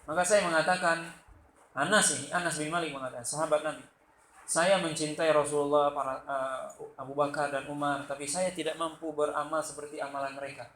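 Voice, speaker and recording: A man from Sumatra with a Sumatran Indonesian accent, giving a loud, lively religious lecture and acting out the quotes in his stories. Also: on the high side, fairly quick. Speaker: religious teacher. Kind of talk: study-circle lecture. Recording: echoey room with faint background noise.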